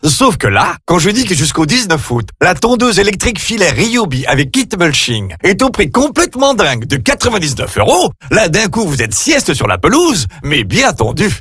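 A man with a husky voice narrating a radio advert, teasing the listener directly. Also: high-pitched, huge pitch swings, moderate pace, fairly bright tone, no room sound, studio quality.

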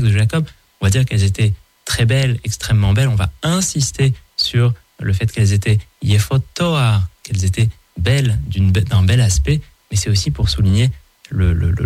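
Radio columnist man, low voice, dry studio sound, rambling explainer with hesitations. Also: darkish tone, dry recording. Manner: digressive, many hesitations and restarts. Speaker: Hebrew word-of-the-day columnist. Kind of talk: casual radio explainer chat.

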